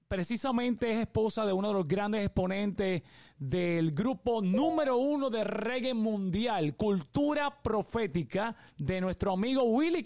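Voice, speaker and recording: A man's voice: sits high, darkish tone, dry recording, clean studio sound. A man with a Puerto Rican accent, hosting a live radio interview, upbeat and enthusiastic with many fillers like "eh" and "este". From Puerto Rico. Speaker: radio host.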